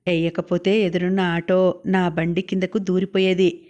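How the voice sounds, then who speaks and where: A woman voicing a rough, quarrelsome male truck driver, in an audiobook. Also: fairly low pitch, flat delivery, normal speed, a little mellow, lightly acted. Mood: angry.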